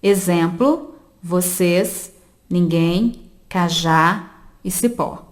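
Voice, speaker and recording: A woman reading a grammar lesson aloud for an audiobook, slowly and carefully, spelling out each example word by word. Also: medium pitch. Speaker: volunteer reader of an audiobook lesson.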